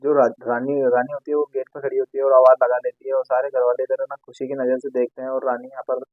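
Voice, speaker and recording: Retelling a TV serial episode in a loose, rambling way, this narrator keeps using fillers and starting over. His mid-range voice is flat and quick, with no room sound and a thin, phone-like dryness.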